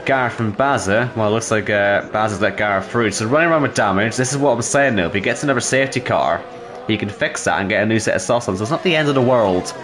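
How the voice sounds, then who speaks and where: A man with a lowish voice breaks down pit strategy and standings. His humour is dry and understated. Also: fast talker, a crowd in the background. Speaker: race commentator. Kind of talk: live sim racing commentary.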